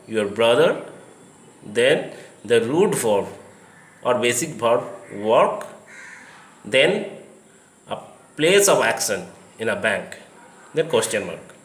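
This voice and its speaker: Slow, deliberate male teacher. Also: mid-range voice, fairly bright tone, reverberant. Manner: slow, deliberate, explains step by step. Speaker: English teacher. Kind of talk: slow spoken English lesson.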